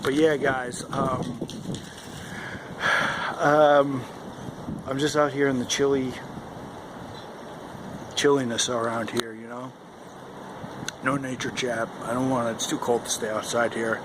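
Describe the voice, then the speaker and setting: Male vlogger, mid-pitched, rambling casual talk, recorded outside with clear wind noise over a handheld camera. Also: flat delivery, takes it slowly, pauses often. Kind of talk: casual vlog chat to camera. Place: outdoors in the cold wind. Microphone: handheld camera at arm's length. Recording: windy outdoor recording, loud wind noise. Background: howling wind noise.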